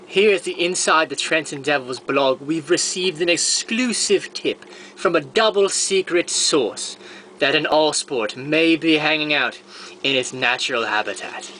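A man's voice: fairly high pitch, unhurried, sharp tone, slight background noise, low-quality recording. A man hosting a blog, narrating in a theatrical, mock-serious wildlife-documentary manner in a home kitchen. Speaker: blog host.

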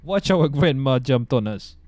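A man's voice: mid-range voice, lively intonation, unhurried, a little mellow, no room sound. A young man with a Bruneian Malay accent, giving casual, scared live commentary on a horror game and repeating himself. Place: small indoor room with webcam.

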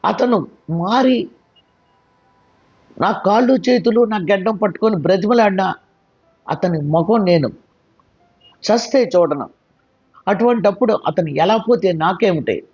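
A hurt young wife lashes out in a loud, high, strained voice, played by a male narrator. Her words come hard and bitter, with a husky edge. The sound is dull lo-fi over faint music. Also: expressive, a little slow, pauses often, heavily acted. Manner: bitter, shouting, wounded.

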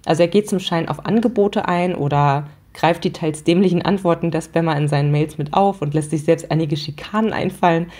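A podcast host giving a chatty, casual book review, full of fillers. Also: female voice, low voice, fairly quick, few pauses, a little mellow.

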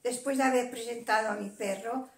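An older woman teaching a casual video lesson at home, patient, repeating words slowly and adding little tag questions. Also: on the high side, fairly even intonation, echoey room. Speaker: language teacher. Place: indoor room at home.

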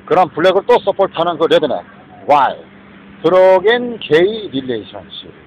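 A man's voice: on the high side, big pitch swings, moderate pace, lo-fi sound, slight background noise. A man delivering a rambling, muttering monologue outdoors, trailing off and often tossing in a questioning "eh?". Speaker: street vlogger.

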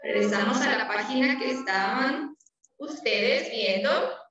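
A woman with a high, bright voice gives a preschool lesson, slow and patient, drawing out each word. She keeps stopping to check that the children follow. She sits back from the mic in a very echoey room. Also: far from the mic, highs cut off. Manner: slow, patient, drawn-out teaching with many check-ins. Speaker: preschool teacher. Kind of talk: online class lesson.

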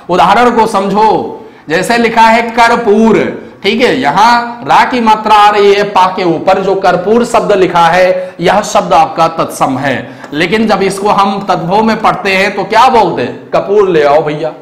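A man's voice: high voice, fairly bright tone. A man teaching a Hindi exam-prep lesson, explaining step by step and asking the viewers rhetorical questions. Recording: echoey room.

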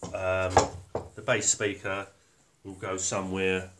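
In an echoey concrete-block workshop and house room, a low-voiced older man demonstrates his woodworking build step by step with a flat delivery. He sounds halting and matter-of-fact, thinking aloud while working, and faint noise and handling clicks come through.

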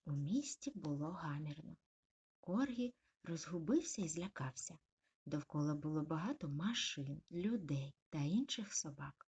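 A woman narrating a bedtime story with an expressive, softly animated reading. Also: low-pitched, measured pace, husky.

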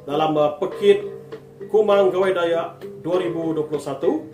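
Upbeat male emcee, roomy sound. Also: on the high side. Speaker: event emcee. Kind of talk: formal announcing. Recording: roomy distant recording with guitar music. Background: guitar music.

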